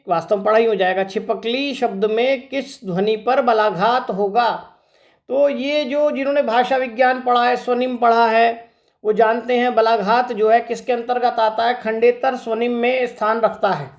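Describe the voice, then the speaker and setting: Male teacher quizzing with rhetorical questions. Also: very high voice. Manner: explains step by step, asking rhetorical questions. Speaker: Hindi teacher. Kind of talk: exam-prep grammar lesson.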